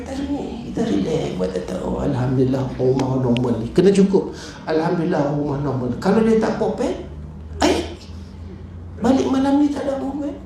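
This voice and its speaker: Gravelly, animated Malaysian preacher man. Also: sits high. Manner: animated storytelling, acts out his wife and callers. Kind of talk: lively mosque talk. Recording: echoey hall with faint noise.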